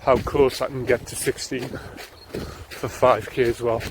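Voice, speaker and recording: On a snowy morning jog, a thirtysomething man from North East England vlogs about his run in a medium-pitched voice at a measured pace. His chat is laid-back and rambling, heavy on ums, and the handheld camera records some background noise.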